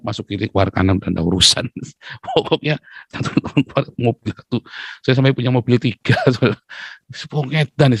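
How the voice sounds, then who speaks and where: A man preaching a sermon in a lively, joking way, often calling his listeners brothers and sisters. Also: mid-range voice, dry recording.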